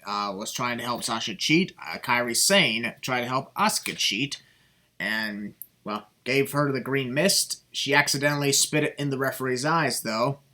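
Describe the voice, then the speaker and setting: A man's voice: medium pitch, normal speed, sharp tone. A young man hosting a casual podcast chat, heated and swearing freely between fillers. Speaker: podcast host.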